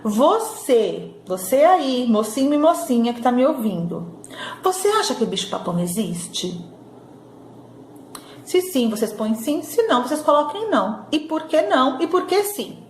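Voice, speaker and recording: A woman teaching a recorded lesson to young children, sounding out syllables slowly and checking in often. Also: high voice, very animated, slight background noise. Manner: slow syllable-by-syllable drilling, frequent "tá bom?" checks. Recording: echoey room with faint ambience.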